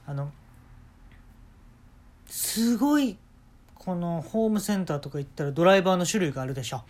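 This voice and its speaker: A man with a Kansai accent telling an absurd story in a rambling, deadpan way as the host of a talk show. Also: high-pitched, normal speed. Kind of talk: comic storytelling monologue.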